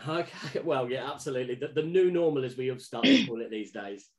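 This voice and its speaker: A man hosts a podcast interview, asking long, rambling questions full of restarts. His medium-pitched voice is animated and brisk, with a crowd audible behind him.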